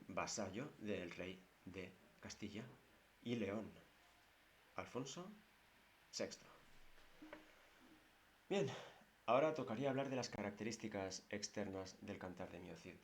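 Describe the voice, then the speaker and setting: A man teaching literature to a class, repeating key terms slowly and adding wry asides. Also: lowish voice, slight background noise. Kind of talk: lecture to a class.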